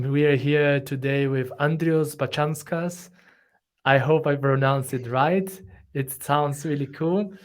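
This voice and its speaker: A man hosting a live online interview, talking loosely and searching for his words. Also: mid-range voice. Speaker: host.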